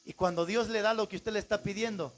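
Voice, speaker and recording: A male pastor preaching a sermon emphatically, repeating phrases and breaking into shouts. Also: sits high, steady tone, fast talker.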